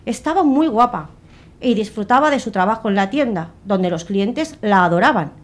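A woman telling a dark story as a dramatic narration, slowing down and building up on the tense moments. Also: medium pitch. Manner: expressive, slows and swells on dramatic moments.

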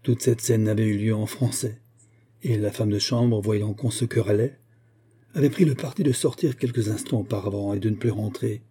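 A man narrating an audiobook with a steady, measured reading. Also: lowish voice, husky.

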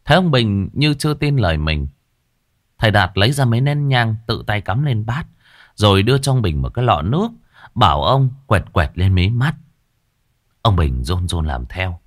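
A man tells a ghost story with dramatic, expressive delivery. His low voice moves through a wide, lively range, and the recording is dry and close. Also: moderate pace, dry recording.

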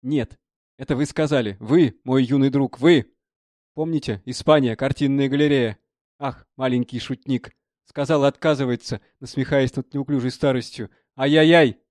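A man's voice: mid-range voice, fairly even intonation, brisk, darkish tone, no room sound, studio quality, lightly acted. A man voicing a genial old prisoner who speaks in a mild, teasing, ironic way, in a storybook reading. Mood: sly.

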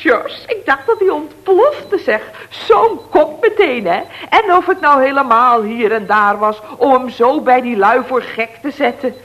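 An actress playing a chatty, scatterbrained woman who rambles excitably on the phone in a 1960s radio comedy. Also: sits high, breathy edge, heavily acted, low-quality recording. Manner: rambling, excitable, full of little tag questions.

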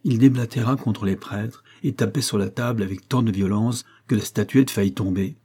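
Mellow, husky male audiobook narrator. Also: lowish voice, normal speed. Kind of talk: scripted narration of a classic novel.

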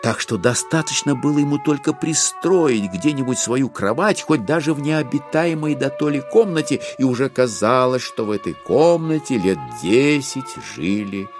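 Music plays behind a medium-pitched man narrating a classic novel in theatrical audiobook style. He reads wryly and expressively, pausing with intent.

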